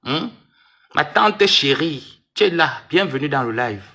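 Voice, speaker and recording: A man's voice: a little high, animated, measured pace, sharp tone. A man hosting a livestream, taunting and arguing in a mocking, repetitive way. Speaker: live-stream host. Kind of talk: livestream rant and chat.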